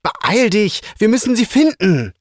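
A man voicing a brave, eager little boy who plays a knight, calling out in a high, excited voice. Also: slow, husky, dry recording, studio quality, full character voice.

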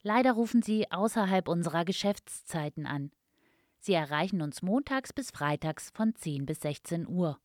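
Lower-pitched woman, polite customer service voice. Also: animated, normal speed, dry recording, clean studio sound. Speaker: phone announcement voice. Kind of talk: scripted answering machine announcement.

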